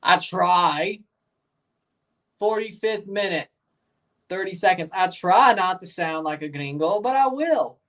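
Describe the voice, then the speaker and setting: A man's voice: sits high, expressive, slow, pauses often, a bit bright. American guy chatting casually, off the mic. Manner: rambling, informal, replying to viewers in short bursts. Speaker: livestream watchalong host. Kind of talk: casual livestream chat with match commentary. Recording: voice some distance from the mic.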